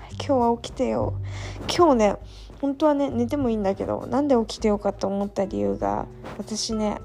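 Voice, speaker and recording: A woman's voice: on the high side, gravelly, dark tone. A young woman talking in a casual late-night monologue, chatty and ranting, poking fun at herself. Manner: chatty, ranting, self-mocking. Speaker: vlogger.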